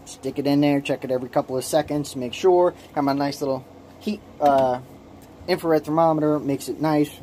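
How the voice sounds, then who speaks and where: The speaker, a hobby kydex holster maker in his late twenties, rambles casually through his small home workshop shed, self-deprecating and full of ums and restarts. His fairly high voice is mellow. The phone camera recording carries a little hiss or hum.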